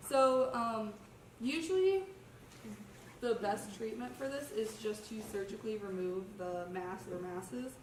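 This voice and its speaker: A woman's voice: fairly high pitch, measured pace, darkish tone. A young adult woman who is sick with a cough gives an informal slide presentation as a student, explaining casually and a little hesitantly. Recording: roomy, distant mic, faint noise.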